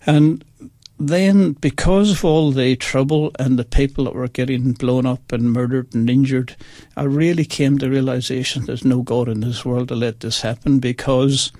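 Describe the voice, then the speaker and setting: This is a dry recording of a man in his sixties with a Northern Irish accent and a medium, darkish voice. Appearing on radio, he shares his personal history in a casual storytelling style, earnest and chatty, often speaking to listeners directly.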